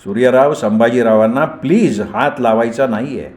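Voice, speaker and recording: A man's voice: mid-range voice, normal speed, darkish tone, lightly acted. Man voicing a firm, level-headed leader. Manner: firm, reasoning, restraining. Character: calm level-headed adult male leader Patekar. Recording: roomy echoey recording.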